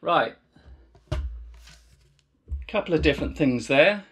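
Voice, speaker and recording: A middle-aged man explains didgeridoo techniques in a loose, casual teaching voice. He rambles a little, restarts his sentences and leans on fillers as he goes. His pitch stays in the ordinary middle range. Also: normal speed, a bit bright, soft background music.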